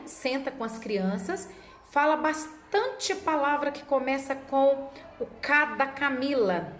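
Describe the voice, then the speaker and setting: Slow, deliberate woman teacher, echoey room. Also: fairly high pitch, slight background noise. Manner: demonstrates classroom chanting, slow and deliberate. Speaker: literacy teacher. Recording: echoey room with faint ambience.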